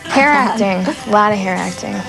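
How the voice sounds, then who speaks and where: A woman's voice: mid-range voice, normal speed, vocal fry, over music, low-quality recording. A woman in a casual interview, looking back on a film set in a reflective, amused way. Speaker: actress interviewed.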